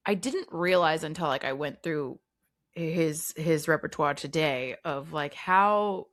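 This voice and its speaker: A woman's voice: sits low, unhurried. A woman co-hosting a film podcast, chatting casually, swearing freely and joking at her own expense. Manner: profane, self-deprecating, chatty. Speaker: podcast co-host.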